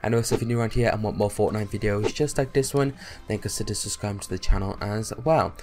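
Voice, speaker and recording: Hoarse sick young man hosting. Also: lowish voice, steady tone, fast, a little mellow. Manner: upbeat, repetitive catchphrases. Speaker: gaming channel host. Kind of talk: casual video commentary.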